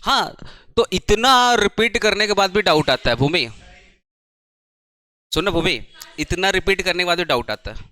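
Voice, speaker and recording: Brisk high-voiced male commerce tutor. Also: expressive, pushed and bright, no echo. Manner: brisk, urges students to write fast, repeats terms. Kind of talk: classroom lecture. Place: coaching classroom.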